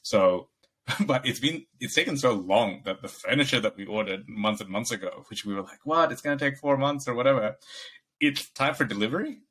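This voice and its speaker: A man's voice: medium pitch, a little fast, a bit bright. A young man from Bangladesh, co-hosting a podcast in casual chat, rambling and laughing often as he acts out quoted dialogue. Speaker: podcast co-host.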